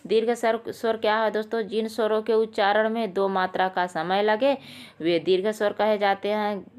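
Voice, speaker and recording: A woman's voice: medium pitch, flat delivery, moderate pace, a little mellow, smooth. A woman teaching a Sanskrit exam lesson, patiently explaining and repeating key points while addressing viewers as friends.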